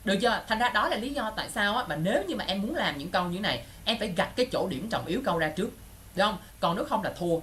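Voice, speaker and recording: A man's voice: high voice, sing-song, fairly bright tone, slight background noise. A man teaching an English exam class, constantly checking that his students are following. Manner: keeps checking students follow with quick questions. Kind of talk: lively online class teaching.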